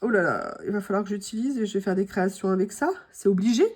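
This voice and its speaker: A woman with a French accent and a slightly hoarse voice, chatting casually to viewers as she opens her mail, gushing and full of fillers. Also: mid-range voice, fast talker, darkish tone. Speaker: craft vlogger opening mail.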